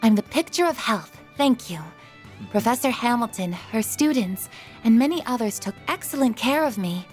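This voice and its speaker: A woman's voice: fairly high pitch, lively intonation, moderate pace, darkish tone, faint music behind, close to an everyday voice. A woman voicing a polite, courteous female robot maid in a video game, speaking in a formal, composed manner.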